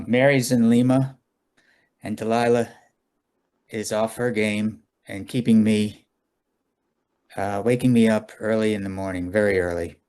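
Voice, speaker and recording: Tired man with a low, creaky voice. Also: a little mellow. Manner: low-key, apologetic, halting. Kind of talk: casual personal check-in.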